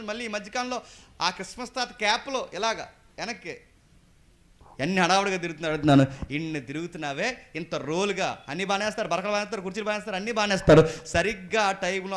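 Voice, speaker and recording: Coastal andhra guy preaching, kinda high bright voice, goes from quiet to shouting, keeps asking the crowd stuff. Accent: Coastal Andhra Telugu. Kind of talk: sermon.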